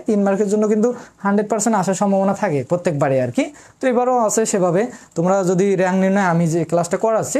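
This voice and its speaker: A woman's voice: mid-range voice, warm tone. A woman math tutor, teaching an online lesson in an informal way. She quizzes students, answers her own questions, and repeats the key terms.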